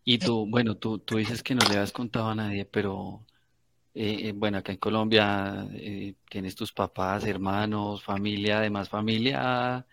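A man's voice: fairly low pitch, flat delivery, a little slow, a bit bright, a little hiss or hum. A man interviewing a guest, asking long, hedging questions full of fillers. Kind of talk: conversational interview.

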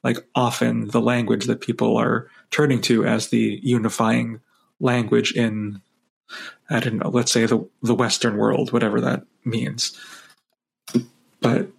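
A male podcast co-host reflects casually on the weekly Torah portion, speaking in loose run-on phrases with frequent "like." His mid-range voice is level, unhurried, creaky and slightly rough.

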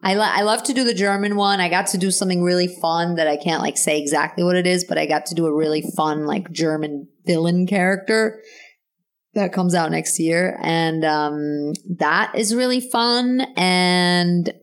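A woman with a low voice chatting as a podcast guest in a studio. She talks loosely, laughing easily and stumbling through restarts and ums. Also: moderate pace. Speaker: actor and comedian guest. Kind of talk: casual chat.

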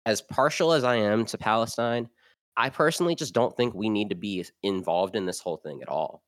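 Man, podcast co-host, very low pitch, laid-back blunt talk, dry close sound. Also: brisk, no room sound. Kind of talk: casual chat.

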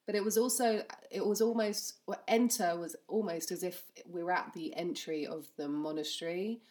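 A woman co-hosting a casual ghost-hunting chat, excitable and quick to exclaim. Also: lowish voice. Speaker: podcast co-host. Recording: loud background noise.

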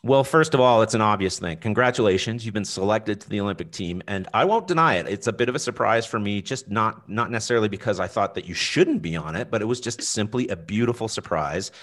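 A man's voice: fairly low pitch, quick pace, few pauses, fairly bright tone. A man hosting a sports interview, introducing his guest with energy and enthusiasm. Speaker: interview host.

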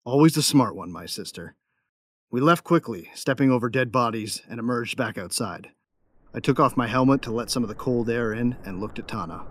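Lightly acted and a touch fast, this medium-pitched male voice has lively intonation and no echo. He's a tough young gunfighter and protective big brother in a sci-fi audio drama, handling first-person narration and dialogue with a grim, wry, matter-of-fact tone.

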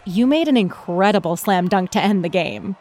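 A woman's voice: mid-range voice, animated, moderate pace, a little mellow, close to an everyday voice. A woman playing an earnest sideline sports reporter in a scripted parody ad interview. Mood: earnest, excited.

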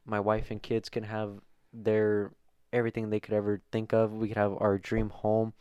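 A young man co-hosts a podcast in a laid-back, rambling way, leaning heavily on fillers as he chats casually. His voice sits on the low side and stays monotone at a normal speed, with a warm, clean tone. The lo-fi recording has no room sound.

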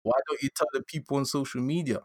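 A man's voice: mid-range voice, steady tone, fast, no room sound, clean studio sound. A young man with a London accent, chatting casually on a podcast in a slangy, rambling way. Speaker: podcast host.

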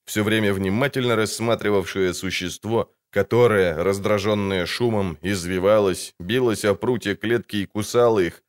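A man narrating an audiobook in an expressive storytelling manner. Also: lowish voice. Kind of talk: scripted narration.

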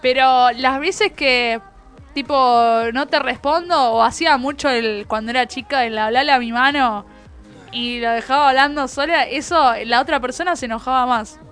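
A young woman with an Argentine Spanish accent, co-hosting a casual chat in a lively, emphatic way. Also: high voice, normal speed, smooth, soft background music. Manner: lively, emphatic, eager to agree. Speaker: podcast co-host.

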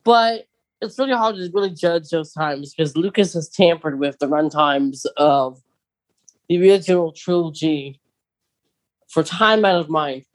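Poor audio captures a man's slightly high voice, moving a little slowly. As a podcast co-host, he talks casually and eagerly like a devoted fan, chatty and heavy on ums.

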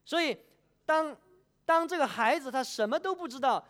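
Animated preacher giving a sermon. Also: high-pitched, moderate pace. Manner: animated, poses questions and polls the congregation.

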